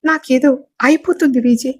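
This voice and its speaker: A woman's voice: a little high, lively intonation, unhurried, slightly rough. A woman voicing a frightened, pregnant young wife who stammers and sobs as she pleads with her husband. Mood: panicked pleading. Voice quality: sobbing, stammering speech.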